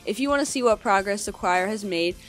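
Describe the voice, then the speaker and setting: A young woman reads a school news voice-over in an even, scripted way. Her pitch sits in the middle. Light music plays beneath. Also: brisk. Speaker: student news narrator. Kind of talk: scripted narration.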